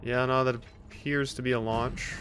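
A medium-pitched man with a flat delivery and a fairly bright tone speaks at normal speed as a casual, wry let's play host, poking fun at characters and reading on-screen text. Soft background music and faint video game sounds accompany him.

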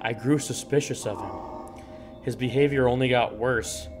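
A man reading aloud the lines of a dying, infected male villager in a game, in a low, hushed voice. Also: fairly even intonation, a little slow, music in the background, natural voice. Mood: somber.

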